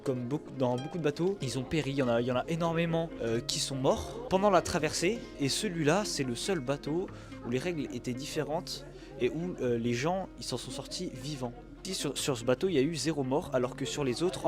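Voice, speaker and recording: Joking teenage boy filming on a phone. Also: a little high. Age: late teens. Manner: joking, excitable, slangy. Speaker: student vlogger. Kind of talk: casual travel vlog. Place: on the move, outdoors in a city, on a coach and in a museum. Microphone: phone held while filming.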